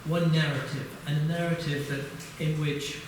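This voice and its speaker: Older english guy giving a keynote, lots of uhs, kinda high voice, far from the mic in a big echoey hall with background noise. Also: flat delivery, a little slow. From England. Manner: hesitant, many uhs and restarts. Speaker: keynote lecturer. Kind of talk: academic conference lecture. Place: conference hall.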